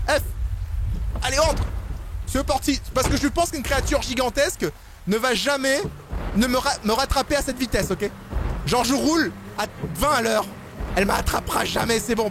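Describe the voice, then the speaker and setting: A young man commenting on a horror game he is playing, excitable and slangy, yelping and screaming when scared. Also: very high voice, background noise. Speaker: gaming YouTuber. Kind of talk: let's play commentary. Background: game music.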